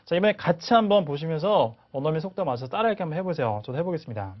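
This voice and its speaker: Lively-voiced male lecturer, dull audio. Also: on the high side, very fast. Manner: explanatory, checks in with "그죠?" and "아시겠죠?". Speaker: TOEIC listening teacher. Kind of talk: recorded video lecture.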